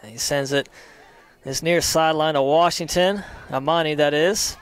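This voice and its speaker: A young man calling a live college soccer match play by play, steady between plays and rising sharply on chances. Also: fairly high pitch, moderate pace, smooth. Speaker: play-by-play commentator.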